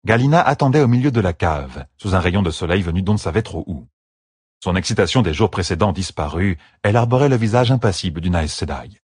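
A man reading an audiobook novel aloud as narrator, in an expressive storytelling manner. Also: deep voice, fairly quick, breathy edge, dry recording, studio quality. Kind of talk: scripted narration.

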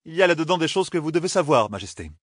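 An audiobook narrator voicing a wary young rogue, careful and ironic. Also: male voice, on the high side, very animated, rapid-fire, no echo, clean studio sound, pitched above the performer's own voice.

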